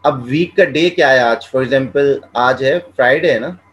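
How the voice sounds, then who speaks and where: A man teaching Chinese pronunciation, repeating each sound several times and explaining in a relaxed, conversational way. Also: medium pitch, highs cut off, background noise. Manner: drills each sound slowly, repeating syllables. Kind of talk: classroom-style language lesson.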